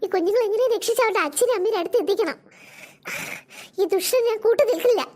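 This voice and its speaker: A woman's voice: very high voice, fast talker, darkish tone. A woman voicing a kind, worried woman in a cartoon, murmuring anxiously and soothing the children. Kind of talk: cartoon voice acting.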